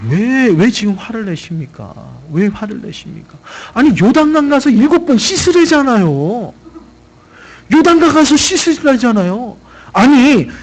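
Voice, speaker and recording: A man's voice: very high-pitched, voice pushed up, full character voice. A man voicing a loyal male servant who urges his proud general, speaking in an earnest, coaxing way.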